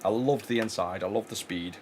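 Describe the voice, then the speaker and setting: A man with a low voice talks loosely while he works on electronics at his bench. He rambles, restarts his sentences and fills gaps with ums. A faint noise sits under the recording. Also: a little fast, darkish tone. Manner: rambling, many fillers and restarts. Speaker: electronics repair channel host. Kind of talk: casual chat while working.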